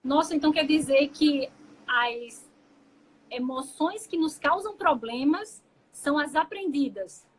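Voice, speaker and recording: Woman host, high-pitched and eager. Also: a little slow, poor audio. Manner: enthusiastic, asks questions and reacts. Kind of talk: hosting a talk show conversation.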